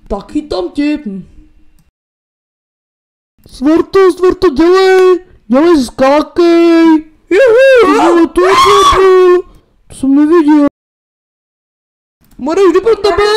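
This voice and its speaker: A woman voicing a clumsy, excitable male handyman in a comedic fan dub, shouting and cursing. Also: sits high, long pauses.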